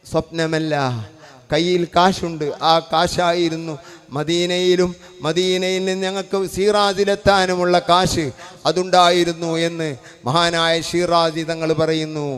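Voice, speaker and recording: A man's voice: high voice, completely flat delivery, unhurried. A man preaching a sermon as an Islamic preacher, stressing points by repeating phrases.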